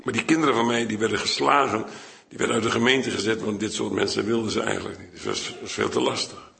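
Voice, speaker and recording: An older man gives a sermon in a conversational, rambling way. His voice has a gravelly grain and a bright edge. The room around him rings with echo. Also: fairly even intonation, quick pace. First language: Dutch. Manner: conversational, digressive, with sudden high-pitched acted quotes. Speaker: preacher. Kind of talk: Bible sermon.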